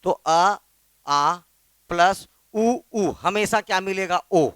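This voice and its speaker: This male teacher, whose Hindi carries a Chhattisgarhi accent, leads a classroom grammar lesson in a high, fairly bright, smooth voice, taking his time. He drills students repetitively, asking questions and repeating the answers, and the recording is dry.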